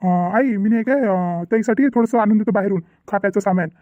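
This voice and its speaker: A man's voice: high-pitched, brisk, no room sound, phone-quality sound, lightly acted. A man voicing a worried young village brother who rambles and repeats himself in a cartoon family drama.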